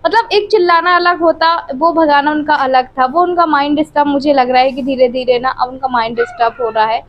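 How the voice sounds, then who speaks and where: A woman with a high voice pours out her troubles to her viewers in a heartfelt, emotional way. She is filming herself at home on a phone camera held close. The audio is dull and lo-fi. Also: fairly even intonation, brisk. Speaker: family vlogger. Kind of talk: tearful personal confiding to viewers. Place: at home, by the bed.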